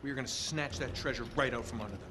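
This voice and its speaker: A man's voice: medium pitch, rapid-fire, close to an everyday voice. An actor playing a cocky, scheming male adventurer in video game cutscene dialogue. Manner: confident, scheming. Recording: game audio with ambient noise.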